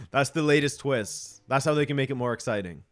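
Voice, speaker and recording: A man hosting a live football watch-along stream, chatting casually, chuckling and reading viewer comments aloud. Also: mid-range voice.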